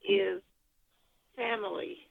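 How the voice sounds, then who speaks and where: An older grandmother heard over a speakerphone line, talking slowly and haltingly as she searches for words. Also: mid-range voice, steady tone, gravelly. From United States. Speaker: grandmother being interviewed. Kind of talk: family oral history interview. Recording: tinny phone line.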